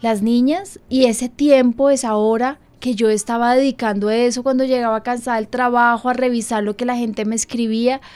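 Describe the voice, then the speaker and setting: High-voiced woman pastor. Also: steady tone, a little mellow, clear, resonant tone. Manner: heartfelt, confessional, slows down for emphasis. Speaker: pastor and radio show host.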